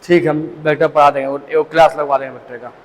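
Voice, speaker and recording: High-voiced man teaching physics, echoey room. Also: flat delivery, quick pace. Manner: repetitive, drilling points home with check-ins. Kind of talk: classroom physics lecture. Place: classroom with students present. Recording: distant echoey classroom with faint hiss.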